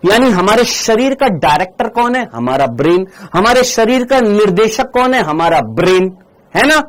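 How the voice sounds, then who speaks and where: A man's voice: high-pitched, very animated, normal speed. A male teacher giving an online class lecture. He asks the class questions and answers them himself, scolds the students in a firm but friendly way, and mixes English terms into his talk.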